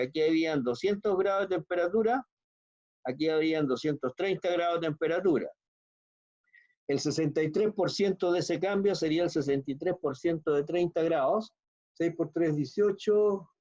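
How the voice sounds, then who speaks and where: A male lecturer with a Chilean accent and a somewhat high voice walks through an engineering concept step by step, doing the arithmetic aloud and pausing to ask if everyone follows. The audio is dull and lo-fi, like a recorded online class. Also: a little mellow. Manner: explanatory, works sums aloud, frequent check-ins. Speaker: university lecturer.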